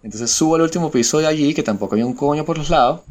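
Fast-talking Venezuelan man telling a story. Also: fairly high pitch. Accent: Venezuelan Spanish. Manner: animated storyteller, acts out quoted voices, swears freely. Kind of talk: casual anecdote among friends.

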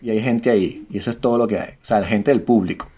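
A man's voice: fairly low pitch, fast talker, slightly rough. A Venezuelan man with a Venezuelan Spanish accent, telling a casual anecdote to a friend and swearing freely. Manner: animated storyteller, acts out quoted voices, swears freely.

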